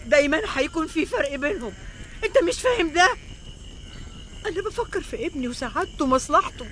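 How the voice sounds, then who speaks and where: A high quick insistent mother, egyptian accent, bright voice, faint outdoor noise. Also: sing-song. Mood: pleading. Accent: Egyptian Arabic. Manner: insistent, pleading. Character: Sarah, protective jealous mother, insistent.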